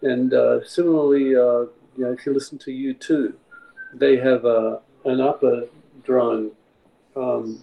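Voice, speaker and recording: A man's voice: medium pitch, fairly even intonation, a little slow, gravelly, highs cut off. A man from the Czech Republic, a songwriter guest explaining his music in a thoughtful, rambling way. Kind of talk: casual interview.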